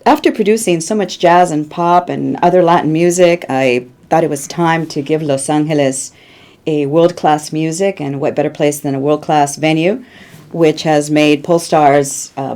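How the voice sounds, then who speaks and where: A Cuban-born woman in her sixties, a guest producer telling animated stories in an interview and laughing easily. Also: low-pitched, moderate pace. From Cuba. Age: 60s. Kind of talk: conversational interview storytelling.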